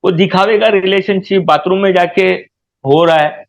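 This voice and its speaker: A man's voice: sits high, moderate pace, lo-fi sound. A man, a guest in an interview, ranting indignantly in heated talk.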